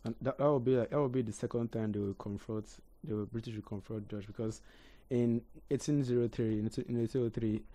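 A man's voice: mid-range voice, fairly even intonation, quick pace, few pauses, dark tone. A man co-hosting a casual history talk, often hesitating and repeating words as he thinks. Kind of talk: casual radio history chat.

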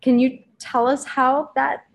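Woman podcast host, bright higher voice, enthusiastic and encouraging with her guest. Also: level tone, a little slow, creaky. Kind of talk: casual interview.

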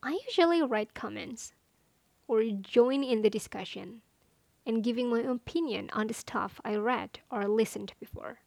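In a chatty monologue, a language-learning content creator for whom English is a second language offers casual, self-deprecating advice. Her fairly high voice is creaky and a little mellow, somewhat slow, with no echo.

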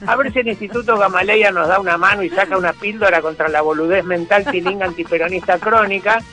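A man's voice: high voice, pushed and bright, soft background music. A man with a Rioplatense accent hosting a satirical radio monologue, mocking and sarcastic. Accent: Rioplatense Spanish. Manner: mocking, sarcastic, rapid-fire jokes. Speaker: radio host and humorist.

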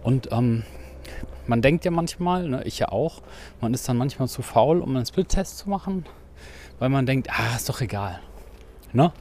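A man chats as a podcast host while out running, with faint noise around him. His pitch is average, and he explains in a casual, conversational way, often checking in with short tag questions. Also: lively intonation, moderate pace, mellow. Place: outdoors, on the move. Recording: noisy outdoor recording while running.

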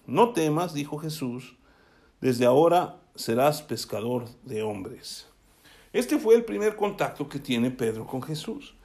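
A man preaching a sermon. He reads scripture aloud, then explains it conversationally and checks in with his listeners through quick tag questions. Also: medium pitch, animated, a little mellow. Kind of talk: sermon with Bible reading.

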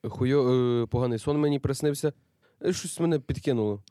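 A man voicing a hardened, cynical young soldier in a hospital audio drama, blunt and defiant. His tone is dark and mellow, recorded dry and close. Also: mid-range voice, brisk, no room sound, lightly acted. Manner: brusque, dismissive, slangy.

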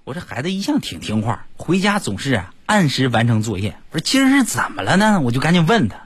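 A comedian telling funny stories in an animated comic monologue, stammering now and then. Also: male voice, mid-range voice, fast, husky, dry recording.

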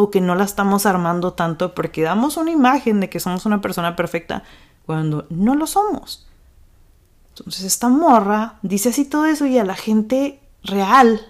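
A woman with a Mexican accent hosting a casual rant podcast, talking fast and excitably and swearing freely. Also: fairly high pitch. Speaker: podcast host.

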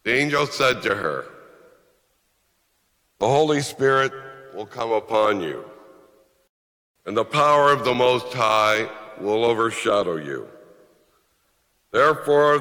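A priest reading the gospel and giving a homily in a slow, measured way, his voice carrying a long church echo. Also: medium pitch, a bit bright.

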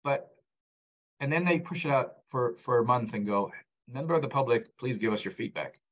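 In a conversational podcast interview, the guest is a man who founded a data platform; he has an Egyptian background but grew up abroad. His medium-pitched voice has lively intonation and moves at a normal speed as he earnestly describes his data work, frequently restarting and repeating key points.

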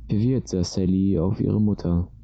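A male narrator reading a story in a steady, even way, with a low, gravelly and very dark voice. The sound is dry and close, with a dull lo-fi quality. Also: moderate pace, no echo.

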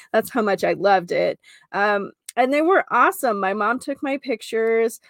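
Slow-talking American woman, mystical healer manner. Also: on the high side, lively intonation, creaky, no room sound, studio quality. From North Dakota, United States. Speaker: host of a spiritual show. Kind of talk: casual spiritual show monologue.

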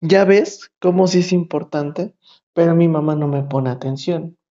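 A man's voice: a little high, measured pace, warm tone, lightly acted. A frank, cheerful little girl of seven speaks plainly about her life, quoted by a man. The voice lifts a little above his own. The recording sounds slightly dull and lo-fi. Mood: matter-of-fact.

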